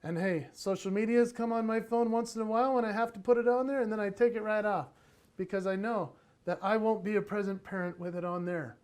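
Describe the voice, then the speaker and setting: A man delivers a motivational conference talk about parenting. His voice sits high, and he tells his stories in an animated, playful way. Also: brisk. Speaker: keynote speaker on parenting.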